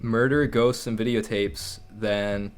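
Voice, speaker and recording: A man's voice: lowish voice, steady tone, takes it slowly, clear, resonant tone. A young man co-hosting a podcast in casual chat, rambling with fillers and laughing often. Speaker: podcast co-host.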